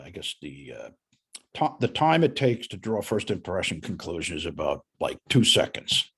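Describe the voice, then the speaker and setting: A middle-aged man with a husky voice, coaching a student one-on-one on sales calls in a folksy, animated way. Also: on the low side. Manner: animated, folksy, uses analogies.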